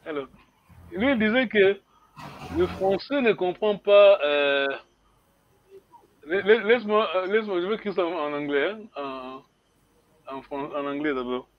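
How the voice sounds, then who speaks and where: A man teaching a language class, explaining slowly and hesitantly, repeating words and chuckling often. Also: fairly high pitch, muffled recording, a little hiss or hum.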